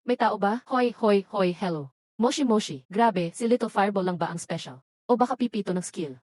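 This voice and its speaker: A woman's voice: mid-range voice, brisk, a little mellow, husky. Lady dubbing a short drama, does all the parts the same way, no room echo at all. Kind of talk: dubbed short drama dialogue.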